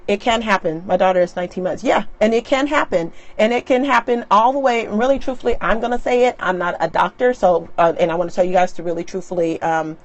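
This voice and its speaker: A woman's voice: medium pitch, quick pace, hardly any pauses, muffled recording. A middle-aged woman talking casually on a live stream into her tablet, chatty and often laughing. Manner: chatty and laughing, lively animated asides. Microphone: tablet mic.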